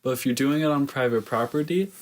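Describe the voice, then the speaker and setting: A man's voice: medium pitch, fast talker. A young man, a podcast co-host in casual chat, joking and explaining things plainly.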